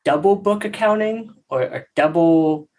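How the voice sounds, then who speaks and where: A man's voice: a little high, unhurried, darkish tone. Upbeat male podcast host on a video call. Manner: upbeat, friendly, rambling questions. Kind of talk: casual interview chat.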